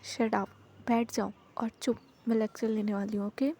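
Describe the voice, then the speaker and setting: A polite young woman lecturer who keeps her class in order with gentle teasing, as a woman narrator voices her. Mellow, husky tone, slightly high. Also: level tone, moderate pace. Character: polite, playful young female college lecturer.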